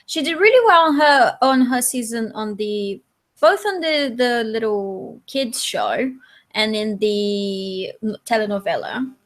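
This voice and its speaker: A young woman chatting casually as a co-host, blunt and quick to swear. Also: fairly high pitch, animated. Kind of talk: casual chat.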